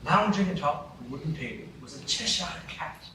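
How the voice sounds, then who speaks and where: Narrating a fairy tale for a live radio play, a man takes a wry approach, speaking a little fast in an expressive voice on the high side. The recording sounds distant and very reverberant, with noise behind him.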